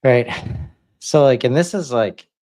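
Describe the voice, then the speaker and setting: A man's voice: mid-range voice, a little slow, mellow. A man co-hosting a podcast, talking casually and hesitantly with many fillers. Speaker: podcast co-host.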